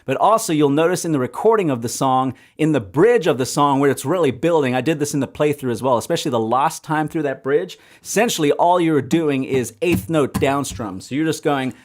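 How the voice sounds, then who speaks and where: A man giving an acoustic guitar lesson, explaining strumming patterns and counting sixteenth notes out loud in a relaxed, explanatory way. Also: a little high, a little fast, few pauses. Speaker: guitar teacher. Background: acoustic guitar playing.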